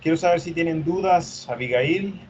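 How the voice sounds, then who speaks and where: A man's voice: fairly high pitch, normal speed, darkish tone, lo-fi sound, a little hiss or hum. A male teacher lecturing an online class, explaining step by step and often checking for understanding.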